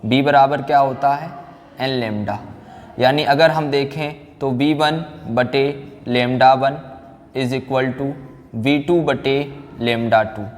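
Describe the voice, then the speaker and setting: A man with a mid-range voice and a steady tone speaks slowly while teaching a physics class. Like a lecturer, this science teacher poses questions and answers them himself. The recording has background noise and a very reverberant room.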